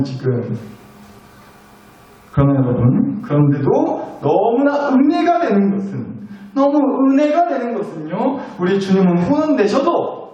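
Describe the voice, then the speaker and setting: A man's voice: high-pitched, a little mellow. A man preaching a sermon, hammering home key phrases by repeating them with rising insistence. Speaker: pastor. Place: church sanctuary. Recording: echoey hall, distant mic.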